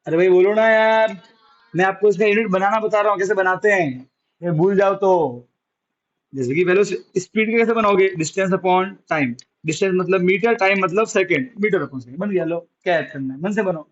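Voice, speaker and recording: A man's voice: high voice, dull audio. A male science teacher, teaching a classroom physics lesson, coaxing students and answering his own questions.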